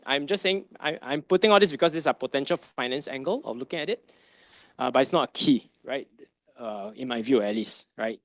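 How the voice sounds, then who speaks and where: Speaking at a medium pitch on a dry recording, this man is a finance advisor presenting a masterclass as a conference lecture. He keeps it chatty, often adding "right?" and posing rhetorical questions.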